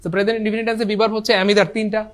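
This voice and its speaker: A tired man runs an online English class, repeating each rule several times with emphasis. His voice sits high and his words come quickly. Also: flat delivery. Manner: repetitive, emphatic, addresses students as brothers and sisters. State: tired after a long class. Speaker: English teacher. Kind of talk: online exam-prep class.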